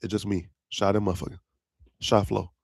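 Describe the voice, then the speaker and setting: A young man talks through his solo podcast in loose, rambling slang and keeps breaking into laughter at his own lines. His voice sits on the low side with a gravelly, crackling edge. The sound is dry and close, with almost no room around it. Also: level tone, fairly quick, dry recording. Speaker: podcast host. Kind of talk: casual solo podcast chat.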